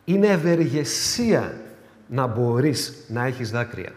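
An older man preaching a sermon with emphasis, swinging between loud urging and quiet, intimate asides. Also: mid-range voice, big pitch swings, roomy sound, in a large hall.

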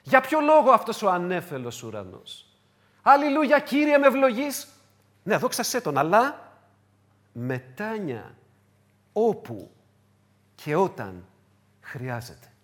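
A man preaching a sermon to his congregation, emphatic and repetitive, moving between loud declarations and hushed asides. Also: high voice, huge pitch swings, long pauses. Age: adult with wife and children.

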